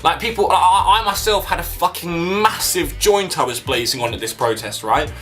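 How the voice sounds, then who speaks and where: Young man, high voice, bright tone, casual vlog, rambling and sweary. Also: normal speed, soft background music. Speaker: vlogger. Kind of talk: casual chat to camera.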